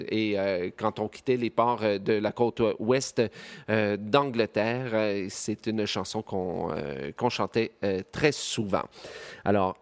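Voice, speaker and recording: Hesitant male radio host. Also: on the low side. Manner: hesitant, many filler pauses and restarts. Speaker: radio host presenting folk songs. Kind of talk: casual on-air song introductions.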